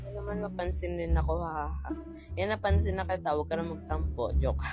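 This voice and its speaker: Guy w a girly sounding voice reading comments, teasing and joking, music going behind him. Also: fairly high pitch. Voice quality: voice that sounds like a woman's. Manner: playful, teasing, quick deadpan replies. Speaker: gaming content creator. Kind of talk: casual chat reading viewer comments. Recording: clear background music. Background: music playing under the voice.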